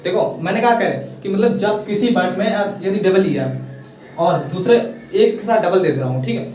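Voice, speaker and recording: Recorded from a distance in an echoey room, this young male English teacher with a Hindi accent walks students through a pronunciation lesson, checking often that they're keeping up. He speaks at normal speed in a high, darkish voice with lively intonation. It's a casual classroom explanation, full of encouraging coaxing and frequent "thik hai."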